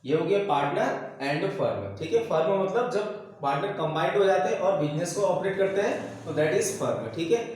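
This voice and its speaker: A man's voice: high voice, lively intonation, fairly quick, hardly any pauses, darkish tone. A man teaching a commerce lesson, repeating key terms and checking in with "okay" and "right" after each point. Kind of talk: classroom lecture. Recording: very echoey room.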